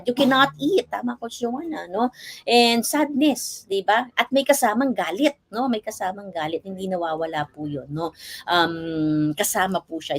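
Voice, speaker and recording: A woman's voice: mid-range voice, slightly rough. A woman with a Filipino accent, a life coach giving advice on a live stream, switching between English and Tagalog and checking in with frequent tag questions. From Philippines. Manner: mixes English and Tagalog, tag questions after nearly every phrase.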